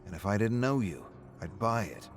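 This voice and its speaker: A man's voice: fairly low pitch, animated, moderate pace, over music, close to an everyday voice. A man voicing a pub owner confronting an old friend, dry and needling, then earnest. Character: calm, probing male pub owner, longtime friend.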